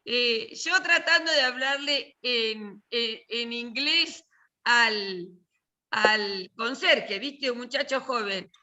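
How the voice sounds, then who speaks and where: Bright-voiced older Argentine woman teaching. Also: on the high side, slow. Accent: Argentine Spanish. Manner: chatty, joking, colloquial. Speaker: literature and film teacher. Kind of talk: casual online class talk.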